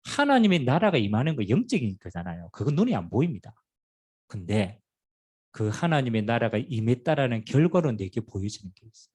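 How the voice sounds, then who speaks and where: A middle-aged man preaching a sermon in a church, swinging between loud bursts and hushed asides. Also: mid-range voice, a little fast, husky. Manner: animated preaching with sudden loud and quiet swings. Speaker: pastor. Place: church sanctuary.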